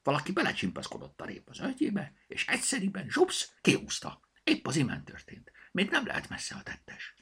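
A man voicing a small talking rabbit in a storybook, speaking in a hushed, high whisper. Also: wildly swooping pitch, vocal fry, few pauses, husky, heavily acted.

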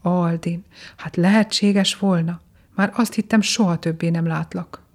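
A woman's voice: on the low side, steady tone. A woman voicing a loving captive queen and mother in a storybook reading, speaking tenderly and pleadingly.

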